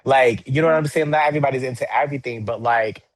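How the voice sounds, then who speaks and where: A man's voice: medium pitch, quick pace, no room sound. A man co-hosting a podcast in casual chat, who leads the discussion and acts out scenarios with quoted voices. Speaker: podcast co-host.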